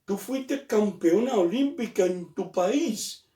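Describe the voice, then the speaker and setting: A man telling jokes in an animated way, acting out the characters and laughing at his own punchlines. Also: sits high, slow pace, echoey room, far from the mic. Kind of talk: joke telling.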